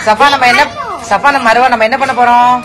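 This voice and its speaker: A woman's voice: fairly high pitch, fairly even intonation, fairly quick, over music. A woman vlogger chatting casually with her family, teasing them playfully and laughing often. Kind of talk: casual family vlog chat.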